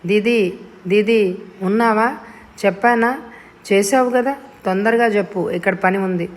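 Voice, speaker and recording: A woman's voice: medium pitch, measured pace, natural voice. A woman voicing an anxious mother at work, talking urgently on the phone. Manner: urgent, pleading. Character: anxious young mother, bank employee.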